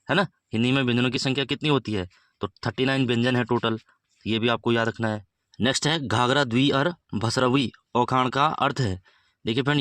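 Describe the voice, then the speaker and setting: A man's voice: medium pitch, fairly bright tone, no echo. A man teaching a Hindi grammar lesson for exam prep, explaining step by step and often checking in with "है ना". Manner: explains step by step, keeps adding "है ना".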